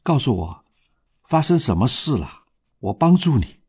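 A man voicing a kind policewoman who speaks softly and comfortingly to a child, in a slow, storytelling way. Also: medium pitch, very animated, breathy edge, full character voice. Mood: gentle. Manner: soft, comforting. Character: kind gentle adult policewoman.

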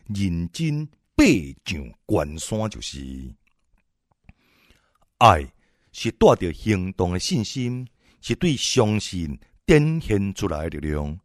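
A man preaching a sermon, exhorting his listeners and swinging between loud and soft phrases. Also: low voice, very animated, a little slow, no echo, clean studio sound.

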